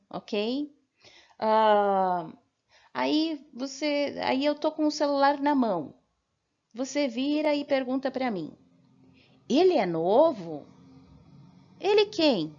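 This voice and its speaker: Slow, patient Brazilian woman teacher. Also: fairly high pitch, a little mellow, highs cut off. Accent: Brazilian Portuguese. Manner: patient, explanatory, checks in with "ok?" often. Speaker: English teacher. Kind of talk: beginner language lesson.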